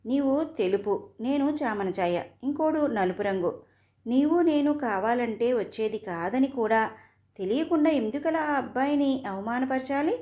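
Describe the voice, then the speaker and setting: A woman's voice: fairly high pitch, expressive, unhurried, mellow. A woman voicing a kind young college girl who earnestly defends a classmate. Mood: indignant. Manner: earnest, reproachful.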